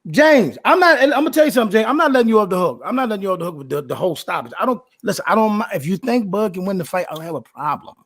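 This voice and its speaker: A man's voice: sits high, expressive, racing, few pauses, a bit bright. A man in his late forties arguing sports in a casual debate, emphatic and often repeating himself. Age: 40s. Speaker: co-host.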